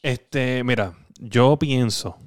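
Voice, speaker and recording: A man's voice: mid-range voice, very slow, no room sound, clean studio sound. A man hosting a casual gaming podcast, rambling and teasing, full of filler words. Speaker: podcast host.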